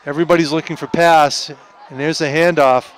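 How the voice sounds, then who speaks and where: Man, color commentator, chatty analysis, fairly high voice, faint crowd outdoors. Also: steady tone, brisk. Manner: chatty analysis with self-corrections and light laughs. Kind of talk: local football commentary. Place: outdoor high school football stadium. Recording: outdoor stadium with crowd and noise. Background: crowd and field noise.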